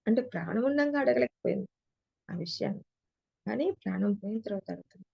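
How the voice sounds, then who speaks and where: A woman's voice: medium pitch, expressive, quick pace, creaky, breathy edge, dry recording, dull audio. A woman teacher reads a story aloud, then retells and explains each passage in casual talk. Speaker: spiritual teacher.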